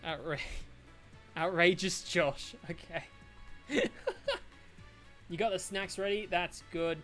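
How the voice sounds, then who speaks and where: A game streamer chatting casually to viewers and a friend while playing, excitable and boastful, swearing freely. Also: medium pitch, takes it slowly, soft background music. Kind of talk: casual live-stream chat while gaming.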